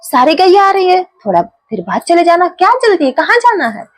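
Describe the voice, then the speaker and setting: A woman's voice: very high voice, sing-song, moderate pace. A woman voicing a small cowherd boy who coaxingly urges an old man to stop in a devotional story. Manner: coaxing, repeatedly urging someone to stop.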